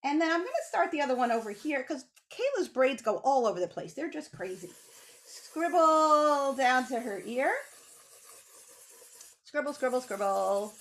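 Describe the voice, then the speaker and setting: In a rough recording from a computer mic on a video call, a middle-aged woman with a high voice teaches children to draw at a moderate pace. As a children's author and illustrator, she speaks animatedly, using simple kid-friendly explanations and emphasized words. She's in a small home room with bookshelves.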